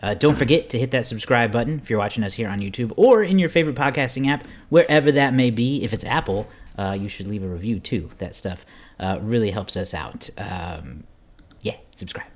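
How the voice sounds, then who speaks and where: A man's voice: lowish voice, animated, brisk. A man hosting a podcast, introducing the show and chatting casually with his co-hosts. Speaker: podcast host.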